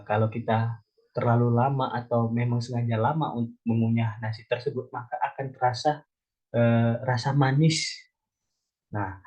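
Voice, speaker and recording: Husky young man teaching young children. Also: mid-range voice, darkish tone, lo-fi sound. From Indonesia. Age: young adult. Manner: explains step by step, asks children questions. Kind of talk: elementary school biology lesson.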